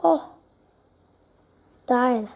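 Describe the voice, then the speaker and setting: Egyptian woman host, high and gravelly, playful game-movie role-play with lots of repetition. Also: a little slow. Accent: Egyptian Arabic. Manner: lively, repeats phrases over and over. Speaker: channel host voicing game characters.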